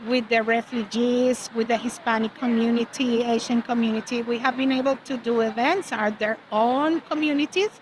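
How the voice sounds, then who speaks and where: A woman's voice: a little high, steady tone, moderate pace, few pauses. A woman, a community health worker, speaking matter-of-factly in an interview clip. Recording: noisy background.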